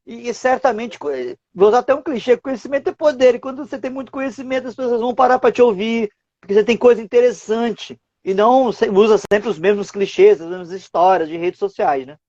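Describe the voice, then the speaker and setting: A man's voice: extremely high pitch, fast, darkish tone, no room sound, dull audio. A man, a writer and teacher, explaining word origins as a guest on a live stream, posing rhetorical questions as he goes. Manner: didactic, asks rhetorical questions.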